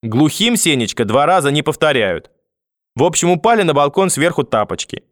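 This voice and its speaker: Brief: elderly granny, foul-mouthed and shrieking at her grandson, a man doing the voice, high and loud, dry booth read. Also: big pitch swings, fairly quick, no echo. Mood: ranting. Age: older. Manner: shouting insults, high and loud. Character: shrill scolding old grandmother, furious and sharp-tongued. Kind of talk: audiobook character voice.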